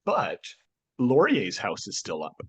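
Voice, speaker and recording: This man's fairly low, bright voice has a breathy edge, and his pitch swoops wildly as he speaks slowly. He's a history podcast host working remotely from his home studio, sick with a cold that has almost stolen his voice, but still joking and laughing frequently.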